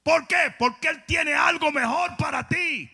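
A male pastor, preaching an emphatic sermon, often shouting and throwing in jokey asides. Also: extremely high pitch, a little slow, vocal fry, big-room sound.

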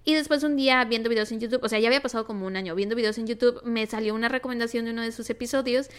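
A woman's voice: a little high, very fast, clean tone. A woman with a Mexican accent co-hosting a podcast, telling personal anecdotes in colloquial speech with the odd English word. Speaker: podcast co-host. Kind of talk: casual chat with personal anecdotes.

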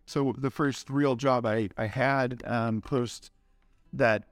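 A man's voice: mid-range voice, fairly even intonation, takes it slowly, dry recording, soft background music. A middle-aged man telling stories casually in an interview, with a laid-back stoner way of talking, full of slang and swearing. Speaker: interview guest recounting a cannabis industry career. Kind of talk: casual anecdotal interview storytelling.

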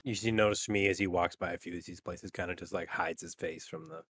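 Brief: low, dry-sounding guy, easygoing player. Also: steady tone, fairly bright tone, husky, no room sound. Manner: casual, halting.

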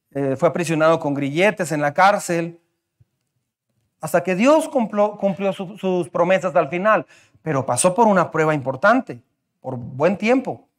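A male pastor preaching a sermon. His voice sits high, and he drives his points home with emphatic repetition and rhetorical questions.

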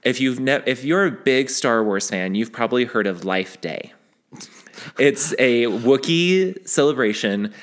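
A man's voice: medium pitch, expressive, unhurried. A man co-hosting a lighthearted podcast, chatting casually and laughing often. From United States. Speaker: podcast co-host.

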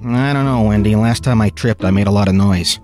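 A man's voice: lowish voice, brisk, a little mellow, soft background music, pitched below the performer's own voice, close to an everyday voice. A man playing a confident but dim-witted noir detective in a comedic radio play. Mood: earnest.

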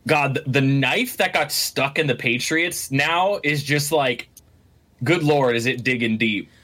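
A man co-hosting a casual sports podcast, talking in an animated, rambling way with lots of restarts and the odd curse. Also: medium pitch, unhurried. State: has the hiccups. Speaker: podcast co-host.

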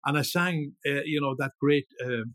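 A man of about seventy with a north-west of Ireland accent, reminiscing casually in an interview in a halting, rambling way that often repeats words. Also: fairly high pitch. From Ireland, grew up in Ballyshannon, County Donegal. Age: 70s. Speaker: guest, veteran musician.

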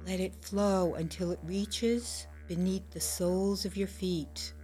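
A woman leading a guided meditation in a gentle, soothing, unhurried way. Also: medium pitch, steady tone, faint music behind, rough recording.

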